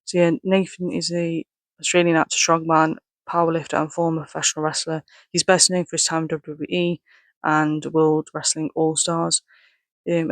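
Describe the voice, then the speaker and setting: A man speaks from inside a rubber mask in a fairly high, flat voice with a very dry, close sound. He sounds hot and short of breath as he reads a biography aloud, stumbling and correcting himself between casual asides. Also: no room sound. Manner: halting, stumbling reading with self-corrections. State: hot, finding it hard to breathe. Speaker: presenter.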